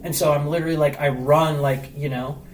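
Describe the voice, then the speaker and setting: Fairly quick and a bit high, a man's voice comes from far off the mic as this travel blogger tells a story on a podcast. It's loose, animated chat laden with "like" and swearing, and there's echo and a faint hiss.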